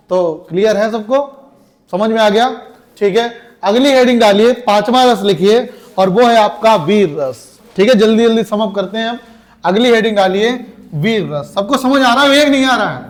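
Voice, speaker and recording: A male teacher lecturing a class, slightly hoarse, lively, and often quizzing the students. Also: high-pitched. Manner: lively, recites verse dramatically, asks class questions.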